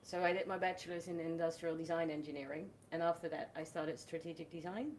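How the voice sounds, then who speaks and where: Woman from the Netherlands, low voice, measured explaining, casual interview, faint rumble behind. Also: steady tone, darkish tone. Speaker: festival host.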